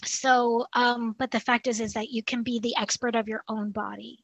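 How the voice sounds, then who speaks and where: A woman's voice: a little high, little pitch movement, moderate pace, creaky, dry recording, low-quality recording. A woman speaking as a podcast guest and dietitian, talking earnestly with frequent restarts and "you know.". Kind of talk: casual conversational interview.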